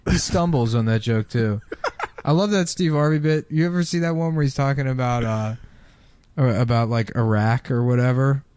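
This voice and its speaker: A man's voice: moderate pace, darkish tone, clear, resonant tone, no room sound. Profane man with a dry close sound. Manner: profane, jumps into high mocking impressions. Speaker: podcast co-host. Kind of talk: casual comedy chat.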